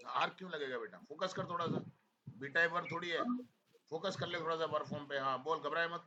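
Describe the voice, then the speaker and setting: A man teaching English speaking practice, gently coaxing his students to speak without fear. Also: a little high, fast talker. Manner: coaxing, calls students "beta" often. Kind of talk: encouraging feedback to students. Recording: muffled lo-fi with loud background noise and clicks.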